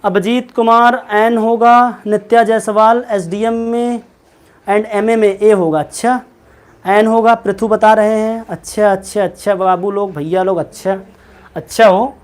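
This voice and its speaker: High-voiced teacher quizzing his class. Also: unhurried. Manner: keeps quizzing students, repeats questions, calls them by name and pet names. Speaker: English teacher. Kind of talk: live online class lecture.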